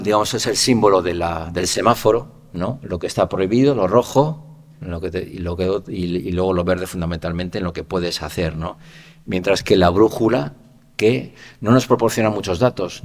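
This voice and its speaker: A man from giving a reflective conference talk, often ending phrases with a questioning tag. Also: low-pitched. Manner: reflective, many rhetorical "¿no?" tags. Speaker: lecturer. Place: conference hall. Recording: lecture hall with long reverb.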